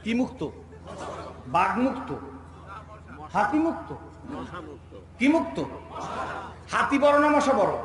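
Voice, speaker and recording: High-voiced preacher on an echoey outdoor PA. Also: male voice, big pitch swings, takes it slowly, long pauses. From Bangladesh. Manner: teasing, calls on the crowd to shout back. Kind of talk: sermon. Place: outdoor religious gathering on a school field. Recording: echoey outdoor PA with crowd noise.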